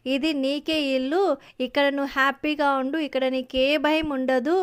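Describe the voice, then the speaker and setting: A woman's voice: high-pitched, flat delivery, normal speed, natural voice. A woman voicing a kind magic coconut. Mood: reassuring.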